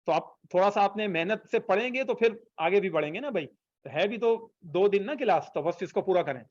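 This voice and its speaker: A man's voice: high voice, animated, no echo, lo-fi sound. A man teaching an online language class, patiently repeating phrases for students to copy. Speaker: Arabic teacher.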